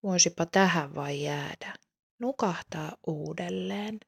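A woman reading the lines of a shy ten-year-old girl, her voice raised a little higher. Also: vocal fry, breathy edge. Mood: timid.

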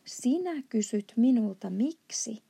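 A huge, good-natured old giant bellows in broken, made-up words, played by a woman reading aloud. The voice is dark and gravelly with a husky edge. He swings from earnest explaining to loud indignation, a storybook giant. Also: fairly high pitch. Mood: indignant, shouting. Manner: mangled grammar and made-up words, shouts in outbursts. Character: huge kindly old male giant, blustering.

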